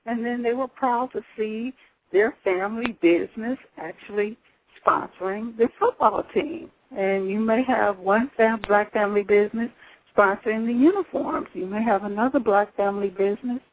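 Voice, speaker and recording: A woman hosting a talk show, losing her voice, speaking haltingly and repeating words as she thinks. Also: a little high, rough recording. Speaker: host. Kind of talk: talk on community history.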